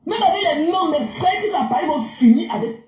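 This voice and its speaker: A woman's voice: extremely high pitch, animated, a little fast, a little mellow, reverberant, rough recording. A woman in a heated online argument, scornful and insulting toward her opponent. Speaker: live stream participant.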